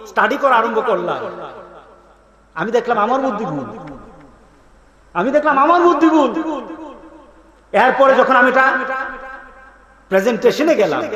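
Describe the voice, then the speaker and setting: A man preaching a fervent sermon with a high voice, swinging between loud peaks and hushed asides. His voice rings with long reverb, as if through loudspeakers. A crowd is heard behind him.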